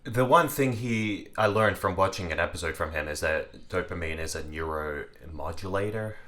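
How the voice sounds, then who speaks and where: Young male podcast co-host: low, forceful voice, lively and direct with the audience. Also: normal speed. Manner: animated, addresses viewers directly. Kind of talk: casual discussion.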